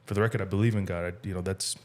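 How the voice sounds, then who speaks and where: Male podcast host with a very deep voice; casual, rambling interviewer. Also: fairly even intonation, very fast. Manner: rambling, many fillers and restarts.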